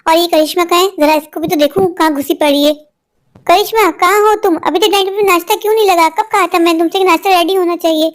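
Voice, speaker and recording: A woman voicing a sharp-tongued, scheming older mother-in-law in a cartoon, who scolds and complains at the top of her voice. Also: extremely high pitch, steady tone, fast talker, hardly any pauses. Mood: scolding. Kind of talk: cartoon voice acting.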